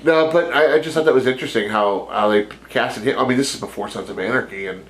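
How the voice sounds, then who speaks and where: A man's voice: mid-range voice, fast, rough recording. A man co-hosting a podcast, retelling a film in a rambling casual chat full of fillers and jokey asides. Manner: laughs while talking, jokey impressions. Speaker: podcast co-host.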